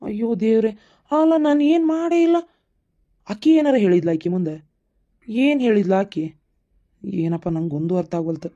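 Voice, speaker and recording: A woman's voice: lowish voice, lively intonation, moderate pace, pauses often, dark tone, close to an everyday voice. A woman voicing a young husband caught between his wife and his mother in a cartoon family comedy, talking in a flustered, pleading way. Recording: slightly dull, lo-fi.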